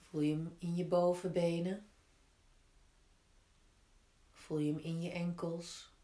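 Female yoga teacher, lowish voice, very slow and gentle guided instruction, roomy echo. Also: level tone. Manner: gentle, unhurried step-by-step guiding with pauses. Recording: roomy, echoing indoor sound.

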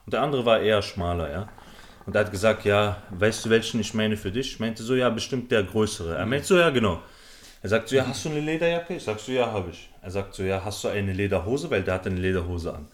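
A man's voice: on the low side, fast. Young man telling a rambling story. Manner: rambling slangy anecdote with many fillers. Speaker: podcast host. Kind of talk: casual storytelling among friends.

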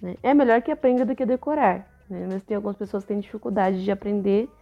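A woman's voice: medium pitch, fast talker, lo-fi sound. A woman co-hosting a podcast as an English teacher, explaining points in a teacherly way and often checking in with listeners. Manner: explanatory, teacherly, tags with frequent "né?". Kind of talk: casual podcast chat.

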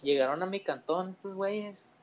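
A man with a Mexican accent telling a slangy, animated story on a podcast among friends, acting out the voices he quotes. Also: sits high, moderate pace, rough recording. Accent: Mexican Spanish. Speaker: podcast co-host.

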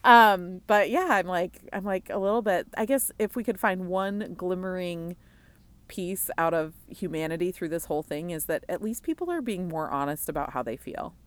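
A young woman co-hosting a casual chat, animated and laughing often as she acts out quoted lines. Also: on the low side, moderate pace, dry recording. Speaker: podcast co-host.

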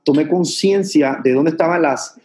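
A man's voice: on the high side, normal speed, darkish tone. A man from Panama with a Panamanian Spanish accent, chatting animatedly as an actor explaining voice technique and demonstrating sounds. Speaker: actor and voice coach guest. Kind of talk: casual chat, explaining voice technique.

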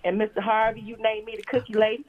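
A woman's voice: on the high side, little pitch movement, fast, a little hiss or hum. A woman in her sixties calling in to a radio show, chatty and a bit hesitant. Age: 60s. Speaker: caller. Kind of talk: call-in radio talk. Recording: tinny phone line.

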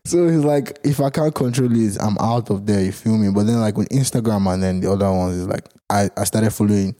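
A man's voice: lowish voice, brisk, mellow. A young man co-hosting a casual podcast chat, talking in a slangy, buddy-like way. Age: young adult. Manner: slangy, buddy-like, punctuated with "bro" and "you know". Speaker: podcast co-host. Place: home studio, seated on a couch.

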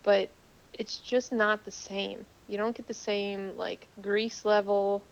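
A woman's voice: medium pitch, level tone, takes it slowly, gravelly. Casual woman co-host, calling in, tinny tin-can phone sound, rambling and chatty. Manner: chatty, rambling, lots of fillers. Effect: tinny cell-phone sound, like a tin can. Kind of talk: casual podcast chat. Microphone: cell phone call.

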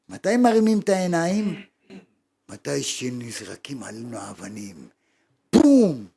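A man, a rabbi, preaching a Torah lesson as a dramatic storyteller. He asks one rhetorical question after another and swings from loud exclamations to hushed, low tones. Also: gravelly, slight background noise.

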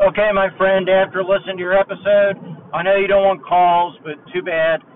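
A man calling in a voice message from his car over a low-quality hands-free phone line, chatting in a relaxed, rambling way. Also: brisk, slight background noise. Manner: relaxed and chatty, thinks aloud. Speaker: caller leaving a voice message. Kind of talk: casual rambling chat. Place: driving in a car. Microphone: car hands-free phone mic.

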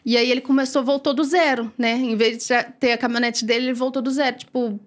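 A Brazilian woman telling a personal faith story as a podcast guest, animated and acting out quoted dialogue. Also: on the high side, fast. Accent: Brazilian Portuguese.

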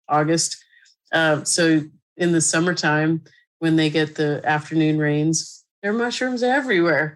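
A middle-aged woman from Colorado, a mushroom expert guest, chatting in a relaxed way with lots of fillers and frequent laughter. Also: low voice, poor audio. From Colorado, USA. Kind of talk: casual interview conversation.

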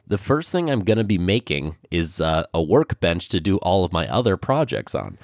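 Deep-voiced, congested young man. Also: very animated, a little mellow, dry recording, studio quality. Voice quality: nasal. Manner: hesitant, lots of ums and pauses. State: congested from a cold. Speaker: podcast co-host. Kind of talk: casual podcast chat.

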